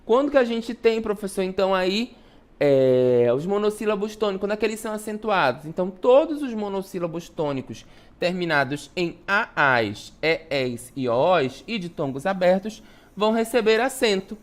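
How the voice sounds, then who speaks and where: A woman's voice: medium pitch, lively intonation, moderate pace. A woman teacher from northern Brazil with an Amazonas accent, explaining grammar rules patiently and checking understanding with frequent tag questions. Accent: Amazonas Brazilian Portuguese. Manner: stretches out example words when spelling them. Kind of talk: classroom lesson on television.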